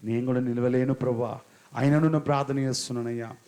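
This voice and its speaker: A male pastor preaching a sermon in church, leading the congregation in slow, drawn-out chanted prayers and scolding listeners who do not join in. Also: mid-range voice, steady tone, dark tone. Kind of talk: sermon with call-and-response prayer.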